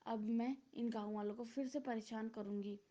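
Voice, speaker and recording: A woman voicing a menacing female witch who lures for children, speaking in a slow, drawn-out chant on a dull lo-fi recording. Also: fairly high pitch, steady tone, dark tone, natural voice.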